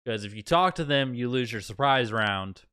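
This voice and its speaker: A man with a bright, clear voice runs a tabletop game as dungeon master. He narrates in a halting way, stopping and restarting his sentences often. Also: medium pitch, expressive. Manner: halting, full of fillers and restarts.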